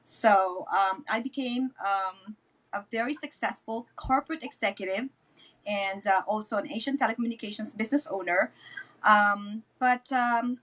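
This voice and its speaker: Over a rough recording, a middle-aged woman from the Philippines shares a personal testimonial in an online interview, doubling up words for emphasis. The network marketing leader has a mid-range, fairly bright voice, a Filipino accent, and a moderate pace.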